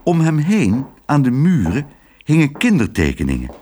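A man reading a children's story aloud as narrator, with expressive, animated storytelling. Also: on the high side, moderate pace, breathy edge.

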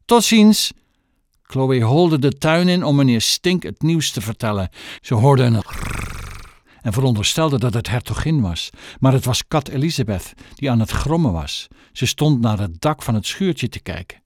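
A man narrates a children's story in an expressive, storytelling manner. His pitch moves lively up and down. The recording is dry and close, with no room sound. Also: moderate pace, dry recording. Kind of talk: audiobook narration.

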